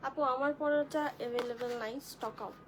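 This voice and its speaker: A high-voiced woman runs a live-stream clothing sale, walking viewers through each dress in a steady, brisk tone. Chatty and warm, she calls her viewers sisters and greets commenters by name. A faint noise runs underneath the recording.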